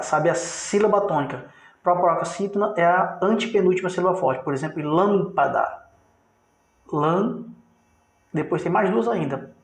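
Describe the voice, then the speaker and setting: A man's voice: high voice, echoey room. A man from Brazil teaching a grammar review lesson, explaining step by step and often checking in with his listeners.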